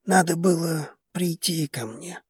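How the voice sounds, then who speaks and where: A man's voice: a little high, slow, husky, no echo, clean studio sound, pitched above the performer's own voice. Man doing a stern old clan patriarch. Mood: gentle. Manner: stern, curt. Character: stern old head of a noble house.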